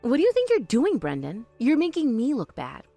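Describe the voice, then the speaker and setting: A woman voicing a calm, sharp-tongued young woman in an animated story, speaking firmly and with dry exasperation. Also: on the high side, a little fast, gravelly, faint music behind, exaggerated voice.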